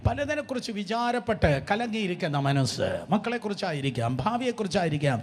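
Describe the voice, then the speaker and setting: A middle-aged preacher from Kerala with a high voice delivers an emphatic sermon. He leads his congregation in call-and-response and keeps mixing English words into his phrases. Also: very animated, fast talker. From Kerala, India. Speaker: pastor.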